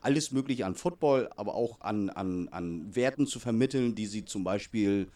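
Male guest, 30s, youth coach, low mellow voice, easygoing chat. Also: normal speed. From Vietnam. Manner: relaxed, chatty, many fillers like "genau". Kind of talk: casual interview.

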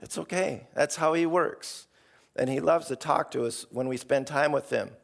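A man preaching an informal, emphatic sermon in a gravelly, hoarse voice that is starting to give out. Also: fairly high pitch, moderate pace. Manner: informal, emphatic, acts out imagined replies. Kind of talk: sermon, conversational exhortation to a congregation.

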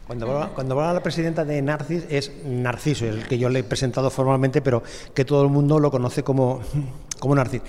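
A man's voice: mid-range voice, fairly even intonation, brisk, darkish tone, slight background noise. Polite, formal radio interviewer, man, mid-range voice, long room reverb. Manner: courteous, formal, probing questions. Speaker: radio host.

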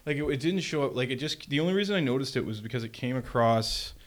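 A man's voice: medium pitch, lively intonation, a little fast. A man hosting a podcast, rambling and jokey, with many restarts. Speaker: podcast host. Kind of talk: casual chat.

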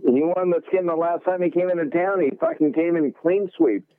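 A man in his forties, a regular co-host, calls in to the show and swaps crude, joking banter. His voice is on the high side and brisk, heard dry over a tinny phone line.

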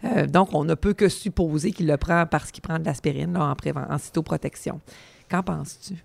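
Gravelly, hoarse Quebec woman hosting. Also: deep voice, fairly quick, a little mellow, no echo. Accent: Quebec French. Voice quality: gravelly, raspy voice. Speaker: podcast host. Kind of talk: interview with scripted introduction.

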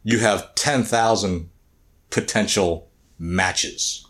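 A man's voice: on the low side, very slow, a bit bright. A middle-aged man from the American South and Midwest, co-hosting a podcast in casual, rambling, self-deprecating chat. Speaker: podcast co-host.

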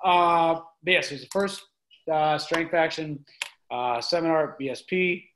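A man's voice: on the high side, moderate pace, fairly bright tone, slight background noise, low-quality recording. A man guest on a chat show telling a rambling, profane story in casual talk. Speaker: guest, fitness mentor.

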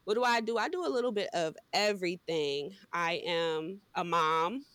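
A woman's voice: fairly low pitch, normal speed, fairly bright tone, no echo. A woman in her thirties from Cleveland, a podcast guest who talks in a laid-back way and laughs easily. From Cleveland, Ohio. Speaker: guest, entrepreneur and mom. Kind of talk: casual podcast interview.

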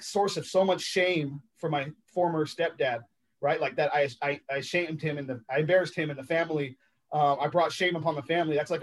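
A podcast guest from Los Angeles, United States, recounts his life story in a thoughtful, halting manner full of ums and uhs. His voice is a little high, and sign language is his first language.

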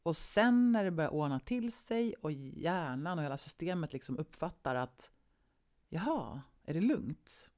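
A woman co-hosting a casual podcast conversation, telling a personal story vividly and varying her pace between brisk and slow. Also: low-pitched, a little mellow. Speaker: podcast co-host.

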